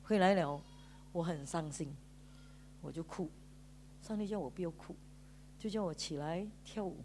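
In a church, a woman pastor with a Malaysian Mandarin accent gives an emotional sermon testimony, telling it like a story, drawing out sentence particles and mixing in English words. Her voice is lowish and dark at a moderate pace, with slight background noise.

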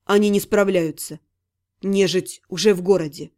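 A woman voicing a tender, protective male necromancer in an audiobook, speaking low, soft and soothing. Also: fairly even intonation, normal speed, close to an everyday voice. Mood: gentle, soothing.

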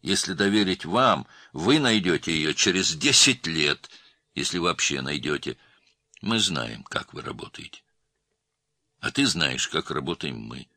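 A man voicing a hot-tempered, scornful male crime clan brother who shouts, in a story reading. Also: extremely low pitch, lively intonation, a little slow, no room sound, heavily acted. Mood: defiant.

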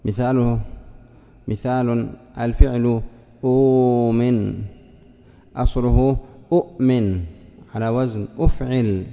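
A male teacher who reads a passage aloud, then explains it step by step, drawing out example words slowly and quizzing his students. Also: medium pitch, steady tone. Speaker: teacher of Arabic morphology. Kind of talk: classroom lesson reading and explaining a text. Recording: dull lo-fi lecture recording with long reverb.

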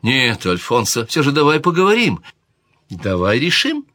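A man's voice: mid-range voice, huge pitch swings, moderate pace, pushed and bright, no echo, studio quality, pitched above the performer's own voice. A man voicing a worried young princess who pleads with her brother in an audiobook reading. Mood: persuasive. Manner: pleading, persuasive.

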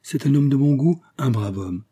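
A man's voice: medium pitch, lively intonation, normal speed, mellow, husky, pitched above the performer's own voice. A man reading aloud voices a genial young prince who speaks in a light, approving way.

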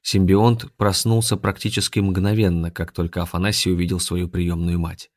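A man reading a storybook aloud in an even, measured way. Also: low voice, dry recording, studio quality. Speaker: audiobook narrator. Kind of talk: scripted storybook narration.

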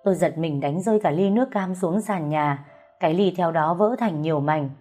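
A woman telling a ghost story in the first person, in a steady, plain storytelling manner. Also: lowish voice, normal speed. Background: faint music.

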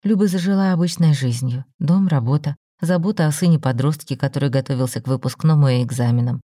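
A woman narrating a written story in an even, measured way. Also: low-pitched, dry recording, clean studio sound.

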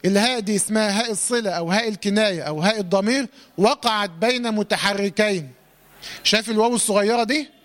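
High-voiced Egyptian man teaching recitation. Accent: Egyptian Arabic. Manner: quizzes, corrects, then recites verses slowly and drawn-out. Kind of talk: tajweed lesson, call-and-response drilling.

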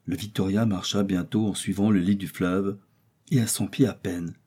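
Male audiobook narrator: measured, low, dark, slightly husky. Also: steady tone. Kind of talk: scripted narration.

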